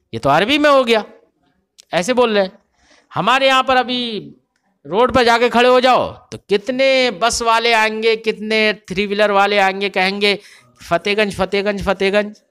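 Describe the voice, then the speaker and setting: A man's voice: very high-pitched, bright, forceful tone, clean tone. A male religious teacher, giving a grammar lecture and often asking the class whether they have understood. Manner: explains and checks understanding with repeated questions.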